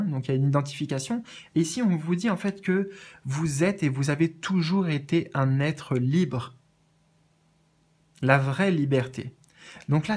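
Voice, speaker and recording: Hesitant man reading cards. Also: a little high. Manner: hesitant, many fillers and restarts, gentle and earnest. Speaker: medium reading oracle cards. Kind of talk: casual spiritual card reading.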